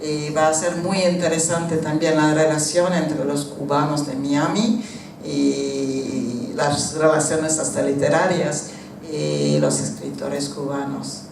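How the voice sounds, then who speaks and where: Man, casual panel discussion, gravelly delivery, noisy distant recording. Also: fairly high pitch, little pitch movement, slow. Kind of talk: spontaneous discussion. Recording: echoey, distant, noisy room.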